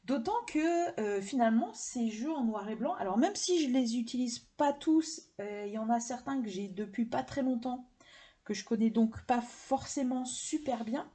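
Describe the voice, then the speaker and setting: A woman's voice: on the high side, lively intonation, normal speed, dark tone, slightly rough. A woman chatting casually to camera, enthusiastic and rambling with many fillers as she shows her card deck collection. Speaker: tarot and oracle deck collector showing her decks.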